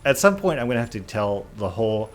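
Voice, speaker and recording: A man's voice: lowish voice, big pitch swings, fast talker. A man talking casually and earnestly in a Q&A gaming vlog, stressing his points with repeated, emphatic phrases. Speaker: YouTube gaming content creator. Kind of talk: casual Q&A vlog talk, reading questions and answering.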